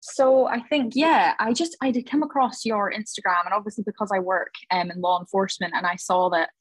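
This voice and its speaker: Podcast guest: woman, Highland Scottish accent, average pitch, casual and chatty, very little room sound. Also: a little fast, husky, no room sound. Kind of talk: casual conversational interview.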